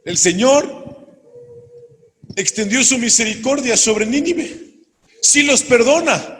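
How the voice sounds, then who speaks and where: A man's voice: very high voice, expressive, slow pace, a bit bright, slight background noise. A man preaching a sermon, reading scripture aloud and explaining it earnestly to his congregation. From Mexico. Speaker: pastor. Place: church hall. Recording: long hall reverb.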